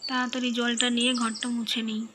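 A woman playing a busy mother in a doll storybook who talks briskly and nags. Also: on the high side, flat delivery, background noise, close to an everyday voice. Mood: busy, muttering. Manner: brisk, nagging, half-muttering to herself.

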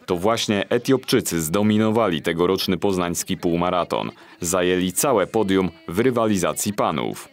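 A man reads a local news report in a steady, measured voice. His voice sits very low, and the narration is even and unhurried.

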